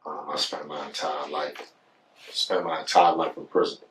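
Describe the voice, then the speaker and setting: A man's voice: a bass voice, little pitch movement, normal speed, distant mic, background noise. A man telling his life story in a casual podcast talk. He often repeats words when he gets heated and keeps asking "you know what I'm saying". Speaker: podcast guest.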